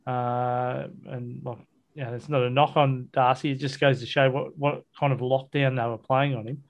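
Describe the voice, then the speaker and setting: An Australian man hosts a casual football podcast, talking in a matey, colloquial, blokey style as he reviews a match. His medium-pitched voice moves little in pitch, his pace is normal, and the sound is lo-fi.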